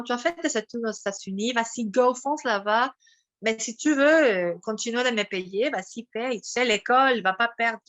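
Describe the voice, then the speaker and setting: Telling a personal story in a casual interview, a guest from Mexico, a native Spanish speaker, recounts it animatedly while restarting often. She has a bright, slightly high voice.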